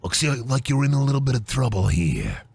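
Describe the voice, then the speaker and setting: A man's voice: medium pitch, huge pitch swings, normal speed, vocal fry, breathy edge, no echo, heavily acted. A man putting on the voice of a laid-back, cigarette-smoking cartoon wolf mentor, drawling and reassuring.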